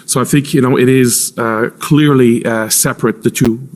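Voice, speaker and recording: A man giving formal testimony as an intelligence official under cross-examination, choosing his words carefully with many pauses and repeats. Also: mid-range voice, steady tone, darkish tone. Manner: careful, halting, hedged with frequent pauses and repeats. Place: formal public inquiry hearing.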